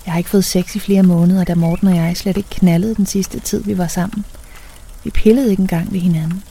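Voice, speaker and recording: Woman, young adult, audiobook narrator, first-person story, conversational, dark mellow tone. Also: fairly low pitch, fairly even intonation, husky. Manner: conversational, lightly acted dialogue.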